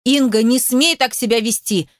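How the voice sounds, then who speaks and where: A woman's voice: a little high, normal speed, no echo, studio quality, natural voice. A woman voicing a self-important man, the narrator's ex-husband, who grumbles, sulks and takes offense. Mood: shouting.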